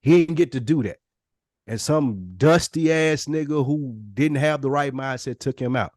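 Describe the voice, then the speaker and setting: Man, podcast co-host, plain pitch, blunt and emphatic, casual swearing, very dry close sound. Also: normal speed, a little mellow, no room sound.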